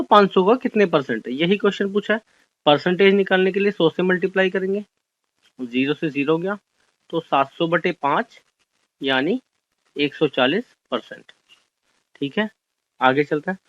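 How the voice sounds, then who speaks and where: A man's voice: sits high, a bit bright, dry recording. A young man teaching an exam-solution maths lesson, explaining step by step and asking questions that he answers himself. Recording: dry, dull lo-fi audio.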